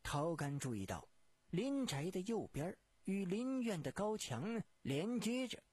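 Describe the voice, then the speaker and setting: A man narrating a serialized detective story for radio in an expressive, drawn-out storyteller manner with sighs, recorded in a dry, close studio. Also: high voice, slightly rough, no echo.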